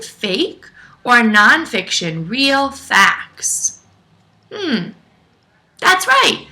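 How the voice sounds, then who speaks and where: A woman teaching first grade leads a read-aloud lesson for young children in a slightly high, bright, forceful voice. She enunciates clearly, keeps an instructional tone, and puts questions to her young audience.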